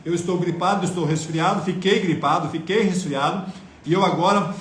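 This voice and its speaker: On a live-streamed health talk sent from a phone on mobile data, a man earnestly lectures viewers and poses rhetorical questions. His voice sits high and moves briskly, with a roomy sound and slight background noise.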